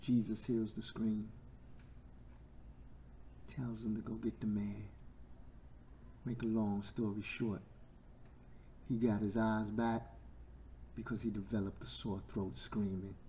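A male preacher with a sore, hoarse throat delivers an impassioned sermon. His lowish voice builds through repeated lines into shouts, then sinks to near-whispers. A faint hum of room noise sits behind him. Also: little pitch movement, slow, long pauses. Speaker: preacher and podcast host.

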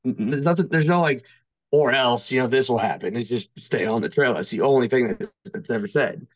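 Speaking fairly quickly at medium pitch, a man shares personal stories in a casual podcast chat. He is hesitant and rambling, with heavy use of "like," and there is no room sound.

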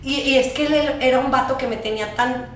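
Young Mexican woman, slangy animated storyteller, slightly high voice, echoey room and set back from the mic. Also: brisk, recorded from a distance, a little hiss or hum. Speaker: podcast panelist. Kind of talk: casual chat.

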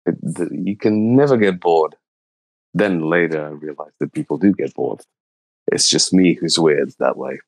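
A man, answering interview questions in a thoughtful, halting way. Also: rumbling low, no echo, rough recording. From Slovenia. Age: 30s. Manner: thoughtful, halting, searching for words. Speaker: interviewee, illustrator.

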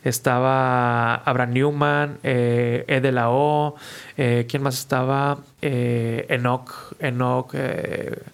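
A man, a musician guest casually telling stories in an animated, slangy way and acting out the people he quotes. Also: mid-range voice, takes it slowly, creaky, clean tone. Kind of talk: casual storytelling.

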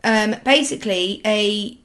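A woman's voice: medium pitch, unhurried, a bit bright. A woman co-hosting a casual history podcast, talking hesitantly with many ums and restarts. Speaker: podcast co-host.

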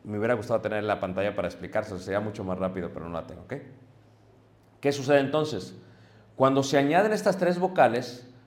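A man with a lowish voice preaches to a congregation, talking fast and expressively, and the room echoes around him. His sermon is a patient teaching. He addresses the people directly and keeps checking in with "ok?" to see that they understand.

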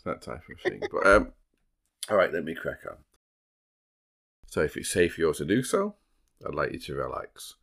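A man's voice: deep voice, huge pitch swings, normal speed, vocal fry, pauses often, a bit bright. A man hosting a true crime podcast, moving between casual banter and storytelling, with a dry, teasing humour. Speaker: podcast host.

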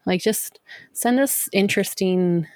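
A woman's voice: mid-range voice, a little slow, darkish tone, no echo, studio quality. A woman co-hosting a podcast in casual chat, talking with many likes and ums and laughing often. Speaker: podcast co-host.

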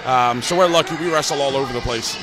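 This man, a professional wrestler from Newcastle in England, speaks quickly in a mid-range voice as he casually answers interview questions, full of fillers. Loud music and a crowd fill the background.

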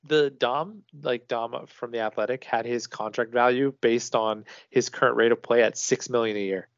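With fairly even intonation and a normal speed, a man co-hosts a relaxed hockey podcast, speaking in a loose way full of swearing and restarts. His pitch is medium, and the dull, lo-fi recording is dry with no room sound.

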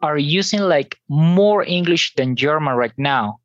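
A guest from Venezuela speaks English with a Venezuelan Spanish accent, easygoing and halting. The voice sits mid-range and the audio is dry and a touch dull, like lo-fi sound. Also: mid-range voice, lively intonation, no room sound. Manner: easygoing, talks in loose halting phrases. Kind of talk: casual interview chat.

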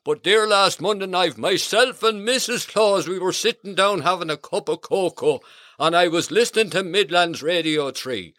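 A man's voice: high voice, normal speed, no room sound, clean studio sound. A man playing jolly Claus. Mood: cheery. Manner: folksy, rambling, warm greetings, hearty ho-ho laughs. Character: jolly old Santa Claus, kindly, chatty. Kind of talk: in-character radio greetings.

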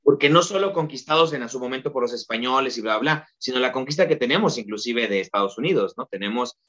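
Mexican man, podcast guest, animated storyteller, slightly dull lo-fi sound. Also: medium pitch, fast talker. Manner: lively storyteller, many fillers like "este". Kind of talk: casual interview chat.

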